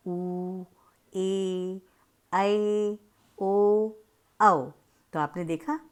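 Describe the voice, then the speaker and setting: Slow, lively-voiced woman teaching a class. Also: medium pitch. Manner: slow, drawn-out demonstration of vowel sounds; addresses students directly and explains step by step. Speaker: school Hindi teacher. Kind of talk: recorded grammar lesson.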